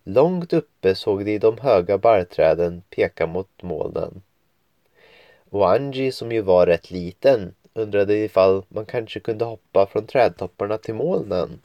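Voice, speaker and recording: A man's voice: lowish voice, lively intonation, dry recording, lo-fi sound. A man reading a children's story aloud at home, with playful voices for the children's lines. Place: home room at a computer.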